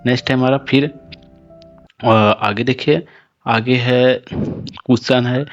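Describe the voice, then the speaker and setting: Man, phonics teacher, explanatory tone, slow repeated example words, corrects own slips. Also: mid-range voice, steady tone, muffled recording, faint music behind. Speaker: English pronunciation teacher. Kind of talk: spoken phonics lesson.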